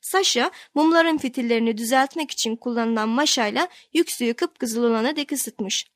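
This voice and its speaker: Higher-voiced woman reading a novel aloud. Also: moderate pace, no room sound, clean studio sound. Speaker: audiobook narrator. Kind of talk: scripted narration of a novel.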